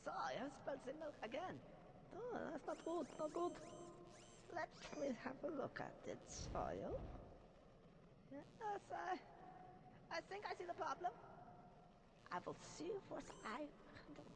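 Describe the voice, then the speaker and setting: A man's voice: very high voice, lively intonation, brisk, background noise, voice pushed up. A man voicing a frantic, forgetful old male professor in a mock German accent, dithering and repeating himself. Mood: flustered. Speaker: streamer reading game dialogue aloud.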